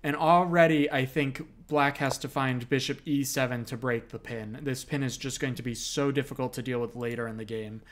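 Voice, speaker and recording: Man calmly walking through chess moves. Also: mid-range voice, normal speed, few pauses. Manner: explains moves steadily with frequent fillers. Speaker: chess commentator. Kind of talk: analytical casual commentary.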